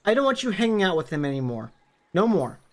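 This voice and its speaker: A hoarse man reading a story aloud and voicing a stern but loving middle-aged mother who scolds her son. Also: high-pitched, sing-song, fast talker, pitched above the performer's own voice. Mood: stern caring. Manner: scolding, protective. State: hoarse from illness.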